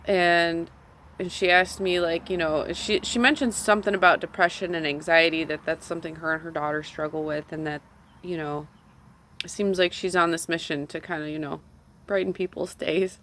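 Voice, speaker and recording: A woman's voice: on the low side, fairly even intonation, moderate pace, fairly bright tone, slight background noise. A woman telling a story in a casual video journal while smoking in her parked van, rambling with lots of fillers. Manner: rambling, filler-heavy retelling with many "like"s. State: smoking a cigarette while talking. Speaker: vlogger. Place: sitting in a parked van at a gas station.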